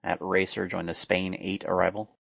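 A man gives air traffic control instructions in clipped, procedural phrases. His delivery is very even, with a gravelly fry in the voice. It comes over a dull, lo-fi radio. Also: low-pitched, moderate pace, no echo.

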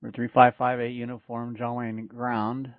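A man working as an air traffic controller, reading out clearances in brisk, clipped phrasing over an aviation radio transmission. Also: medium pitch, completely flat delivery, no echo. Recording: muffled dry radio audio.

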